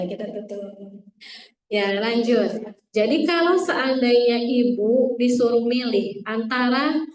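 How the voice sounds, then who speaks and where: A woman's voice: on the high side, a little mellow, a little hiss or hum. Woman teaching Quran letters in an echoey room. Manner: repeats letter sounds to demonstrate, asks the class questions. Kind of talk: classroom tajwid lesson. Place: classroom with some students online. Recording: echoey room, mic at a distance.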